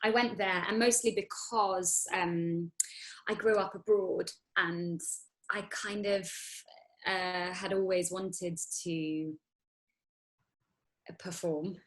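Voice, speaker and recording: A woman in her thirties with a low-pitched voice chats casually as an interview guest. She rambles, restarting sentences and filling pauses with ums. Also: steady tone, fairly bright tone, poor audio. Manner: chatty, rambling, many fillers and restarts. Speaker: guest actress.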